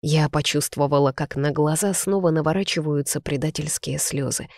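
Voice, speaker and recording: Even, unhurried audiobook narrator. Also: mid-range voice, no room sound, clean studio sound. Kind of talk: scripted first-person narration.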